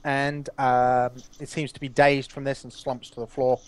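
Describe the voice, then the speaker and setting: A man narrating as game master of a tabletop game, pausing often with uh and um. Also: mid-range voice, flat delivery, clear, resonant tone. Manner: halting, lots of uh and um.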